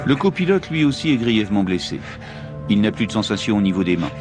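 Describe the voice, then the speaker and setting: A man's voice: fairly low pitch, very animated, fast talker. A man giving dramatic scripted narration for a documentary. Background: music.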